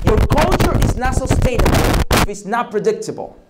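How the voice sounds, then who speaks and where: With an extremely high pitch and lively intonation, a man talks fairly quickly as he delivers a leadership teaching talk in a church. Originally from the Dominican Republic with Spanish as his first language, he drills key phrases and quizzes the summit audience. The live-stream recording is noisy.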